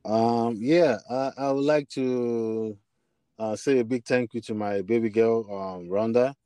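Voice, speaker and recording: A Nigerian-accented man, a bassist and singer, answers interview questions as a musician guest and tells personal stories. His medium-pitched voice is mellow and smooth, a little slow, with no echo. He's hesitant, often repeating words while searching for the right phrasing.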